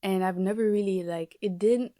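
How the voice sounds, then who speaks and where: A woman's voice: medium pitch, fairly even intonation, moderate pace, warm tone, dry recording, clean studio sound. A twenty-year-old woman hosting a solo podcast, talking through her thoughts in a rambling, reflective way with lots of fillers. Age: 20s. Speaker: podcast host. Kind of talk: casual solo podcast monologue.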